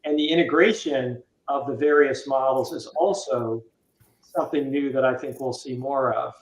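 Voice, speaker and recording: Um homem que participa de um painel por chamada remota, com a voz ecoando, oca, como se estivesse dentro de um tubo, e expõe seus argumentos ponto a ponto. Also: male voice, mid-range voice, fairly even intonation, normal speed. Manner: lays out points one by one. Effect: hollow echo, as if from inside a tube. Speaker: panel guest. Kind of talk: casual panel discussion. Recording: roomy echoing remote line.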